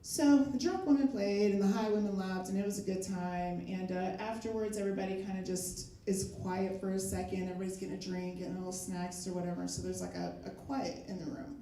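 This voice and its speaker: A middle-aged woman on a comedy stage spins stories in a wry, unhurried way, pausing on fillers. Her voice sits in a middle register. The echoey room carries it from some way off, with a faint hum of the crowd underneath. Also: medium pitch, steady tone, dark tone. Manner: wry storytelling with filler pauses. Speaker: stand-up comedian. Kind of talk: stand-up comedy set. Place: live comedy stage with audience. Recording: echoey live room from far off.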